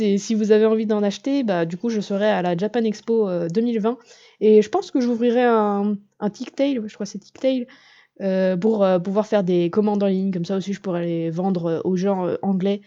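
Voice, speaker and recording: Woman, casual vlog, rambling, self-deprecating, warm mellow voice, slightly dull lo-fi sound. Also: mid-range voice. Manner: rambling, chatty, lots of fillers and self-corrections. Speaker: YouTuber and comic artist. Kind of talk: casual vlog addressed to the viewer.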